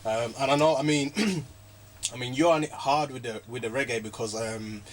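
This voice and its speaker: A man hosting a radio show, chatting casually with a guest, relaxed and slangy. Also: mid-range voice, normal speed, a little hiss or hum. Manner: relaxed, drops "bro" and "innit". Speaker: radio DJ host. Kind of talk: casual radio interview chat. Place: radio studio.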